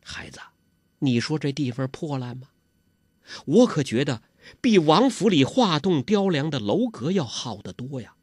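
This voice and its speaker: A man doing a sorrowful, soft-spoken mother. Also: a little high, very animated, a little slow, breathy edge, dry recording, clean studio sound, exaggerated voice. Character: grieving middle-aged mother, gentle then stern.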